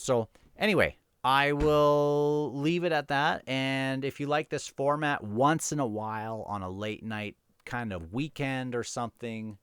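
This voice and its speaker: Recorded dry in clean studio sound, this book review show host has a medium-pitched voice that is fairly bright, clear, and resonant. He talks casually through a book, reading bits aloud, musing informally and sometimes fumbling his words.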